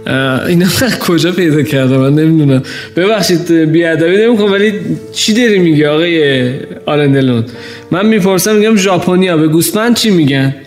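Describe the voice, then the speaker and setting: A man's voice: on the high side, soft background music, natural voice. A man playing a polite quiz show host who grows exasperated with his contestants. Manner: polite but increasingly exasperated. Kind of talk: comedy sketch acting.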